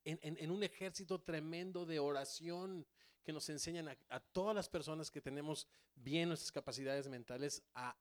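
Man, interviewer, fairly high voice, halting, stumbles over words.

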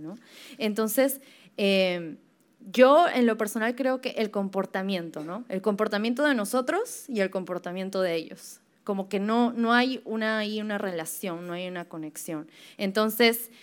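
Hesitant young woman teaching a workshop. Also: medium pitch. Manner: hesitant, full of fillers and restarts, lively when quoting others. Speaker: workshop presenter for church teachers. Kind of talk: informal teaching talk.

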